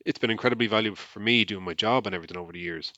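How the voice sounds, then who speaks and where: Fast-talking man, dry dull mic. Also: on the low side, no echo. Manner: quick, lively, lots of fillers like "like". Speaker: podcast co-host. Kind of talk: casual chat.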